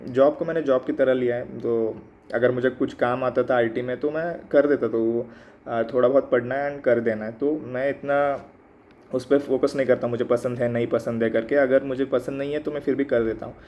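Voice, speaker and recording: A man in his twenties, an exam aspirant who vlogs, speaks in a medium-pitched, steady voice at a moderate pace. His casual, reflective monologue is hesitant and full of fillers, mixing English into Hindi, on a muffled, slightly lo-fi recording with faint background noise.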